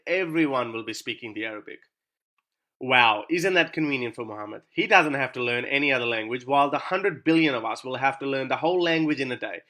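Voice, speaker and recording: The voice is a man's, a little high and pushed bright. He's a YouTube commentator, Urdu his first language, working through a scripted, combative monologue full of sarcastic rhetorical questions.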